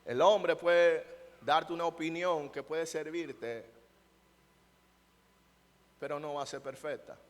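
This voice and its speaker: A man's voice: on the high side, fairly even intonation, takes it slowly, pauses often. A male pastor preaching a sermon, emphatic, often asking the congregation rhetorical questions. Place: church. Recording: long church hall reverb.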